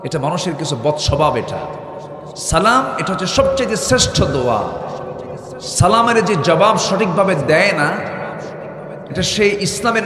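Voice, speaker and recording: Brief: male waz preacher, raised pitch, fiery call-and-response, echoey hall with long reverb. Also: expressive, moderate pace, pauses often. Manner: fiery call-and-response, pressing the crowd to answer louder; rhythmic repeated phrases rising to shouts. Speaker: Islamic preacher. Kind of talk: Bengali waz sermon.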